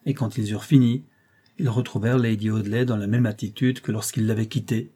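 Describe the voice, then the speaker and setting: A man narrates an audiobook at a steady, even pace. His voice is low and mellow, with a husky grain. The reading stays calm throughout. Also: a little fast. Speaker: audiobook reader.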